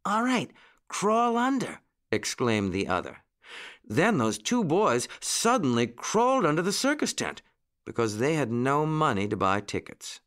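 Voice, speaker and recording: A man narrating a children's storybook in an expressive, unhurried way with dramatic pauses. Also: mid-range voice.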